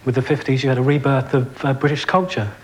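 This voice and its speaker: A man's voice: medium pitch, little pitch movement, fast, a little hiss or hum. A young man talking earnestly as a studio guest, explaining his enthusiasm in short listed phrases. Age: young adult.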